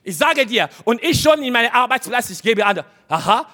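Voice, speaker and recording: A man's voice: very high voice, animated, fairly quick, pushed and bright. A man preaching a sermon, speaking straight to his listeners and hammering home short, repeated exhortations. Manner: addresses listeners directly.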